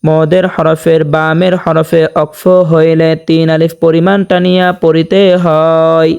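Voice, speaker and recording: A man teaching Quran recitation rules, explaining briskly and then chanting verses slowly and melodically. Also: fairly high pitch, level tone, creaky, darkish tone, clear, resonant tone, lo-fi sound. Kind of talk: tajweed lesson with slow chanted recitation.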